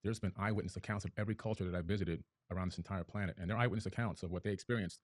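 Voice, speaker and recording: Deep, fast, assertive man. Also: fairly even intonation, dry recording, studio quality. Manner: assertive, sweeping claims. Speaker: debate guest. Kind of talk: podcast debate.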